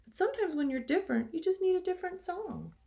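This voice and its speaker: A woman voicing a kindly, wise little cricket from a picture book, giving gentle encouragement. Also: extremely high pitch, sing-song, fast, vocal fry, pitched above the performer's own voice, heavily acted. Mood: kindly encouraging. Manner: gentle, advising.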